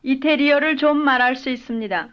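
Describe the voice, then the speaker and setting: Careful and measured, a high-pitched woman answers in full sentences as the model voice of a recorded language drill. The recording is dull and lo-fi, typical of an old lesson tape.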